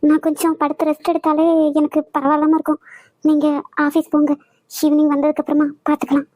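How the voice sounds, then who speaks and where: A frightened young wife in an animated drama, voiced by a woman, soft and pleading as she dodges questions. Her voice sits high and sounds dry and close. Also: fast talker, no room sound, faint music behind, lightly acted. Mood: anxious. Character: young wife, fearful and secretive. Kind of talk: dramatic cartoon voice acting.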